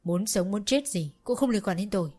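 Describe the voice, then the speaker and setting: Enraged elderly father, shouts every line; woman narrator plays him. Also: medium pitch, lively intonation, fairly quick, lightly acted. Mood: furious. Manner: harsh, bellowing scolding. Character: furious old father-in-law, shouting man.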